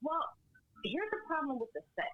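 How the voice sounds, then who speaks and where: A middle-aged woman phones in to a radio talk show, a crowd audible behind her, and bluntly voices her grievances. Her high-pitched voice swings widely in pitch at a moderate pace, with phone-quality sound.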